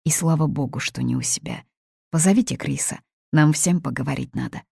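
A cold, fearless young woman, voiced by a woman narrator in a story reading. The voice sits low and slightly gravelly, hard and cutting. It is recorded dry and close. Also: wildly swooping pitch, brisk, mellow, no room sound, heavily acted. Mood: cold, firm. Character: blunt, fearless young woman confronting a family.

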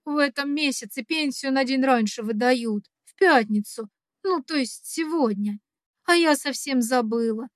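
Flustered old granny nanny, fast pleading voice, fairly high, dry close sound, read by a woman. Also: no room sound. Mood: frightened. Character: flustered elderly female nanny.

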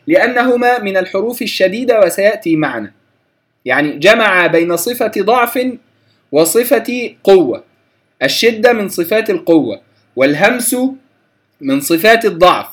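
Male recitation teacher, high voice, patient lecture pace, drills letter sounds by repetition. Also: a bit bright. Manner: demonstrates sounds by repeating them slowly, contrasting wrong and right.

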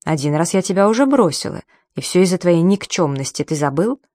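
A woman reading an audiobook, voicing a scornful, cold-hearted woman breaking off an affair, sharp and mocking. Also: lowish voice, expressive, a little fast, no room sound, clean studio sound, close to an everyday voice. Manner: sharp and mocking, then falsely sweet.

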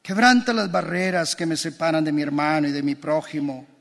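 A man's voice: fairly high pitch, fairly even intonation, brisk, vocal fry, fairly bright tone. A man preaching a sermon as pastor, impassioned and building through repeated phrases. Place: church. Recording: long church reverb.

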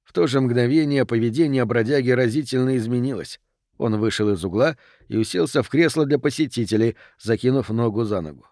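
A man narrates a novel in a measured, even way. His voice sits at a middling pitch. The recording is dry and close, with no room sound. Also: no room sound. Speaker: audiobook narrator. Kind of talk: scripted narration.

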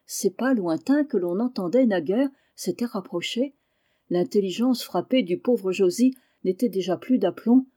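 A woman reading a novel aloud in measured, expressive narration. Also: medium pitch. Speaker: audiobook reader.

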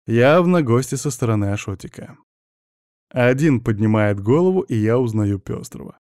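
A man's voice: medium pitch, expressive, moderate pace, darkish tone, dry recording, clean studio sound. A man narrating a first-person crime story with a wry, sardonic manner.

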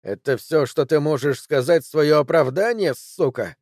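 A man voicing an enraged, violent man with a rough, hoarse voice, snarling as he reads an audiobook. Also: a little high, moderate pace, darkish tone, dry recording, studio quality, natural voice. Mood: menacing. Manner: snarling, spitting rage.

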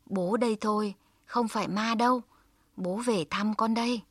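Woman voicing a tiger father, gruff yet tender. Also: mid-range voice, steady tone, moderate pace, dry recording, studio quality, close to an everyday voice. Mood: gentle. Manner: stern, protective. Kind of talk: storybook voice.

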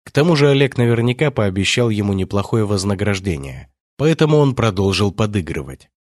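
A man narrating an audiobook in a steady, measured reading. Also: on the low side, no room sound, studio quality. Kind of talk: scripted narration.

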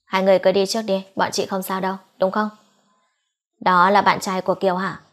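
Woman, mid-pitched, steady audiobook narrator reading a romance story. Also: a little fast. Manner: reads all characters' dialogue in a near-normal voice. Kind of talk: scripted narration of a romance novel.

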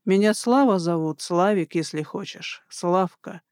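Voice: mid-range voice, measured pace, a little mellow, smooth, no room sound, studio quality, natural voice. A reader voicing a bold flirtatious army major. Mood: insistent. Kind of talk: audiobook dialogue.

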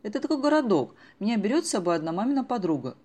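A woman voicing an eager, witty teenage girl who pleads in a high, bright voice in an audiobook. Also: very animated, rapid-fire. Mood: excited.

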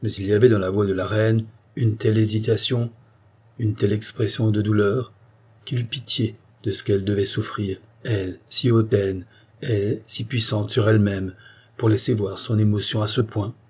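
A man narrating a classic novel as an audiobook, reading in a steady, dramatic way. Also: on the low side, moderate pace, husky.

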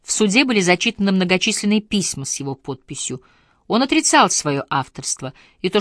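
A woman narrating an audiobook in a measured, expressive reading. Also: lowish voice, no room sound, studio quality. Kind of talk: scripted narration.

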